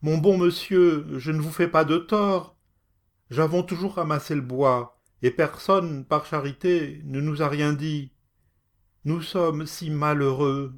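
A man's voice: fairly high pitch, fairly even intonation, takes it slowly, pitched above the performer's own voice. A man putting on a wailing old peasant woman. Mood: pleading. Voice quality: wailing, plaintive.

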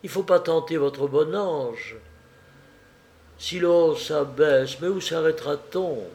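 A man's voice: fairly high pitch, slow, darkish tone. A man voicing a simple, childlike young man who speaks in naive, fervent exclamations. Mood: anxious.

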